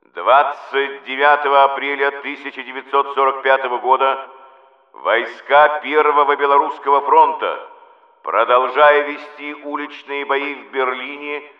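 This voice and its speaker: A man's voice: medium pitch, level tone, measured pace. Solemn male radio announcer, old archival broadcast. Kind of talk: wartime radio news bulletin. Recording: dull, roomy archival radio recording.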